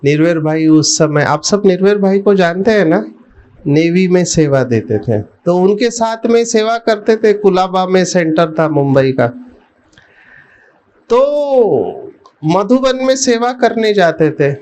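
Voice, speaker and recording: A man's voice: high voice, lively intonation, darkish tone. A middle-aged man giving a spiritual talk, telling a personal story and putting questions to his listeners. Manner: slow, storytelling, addresses the audience with questions. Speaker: spiritual speaker.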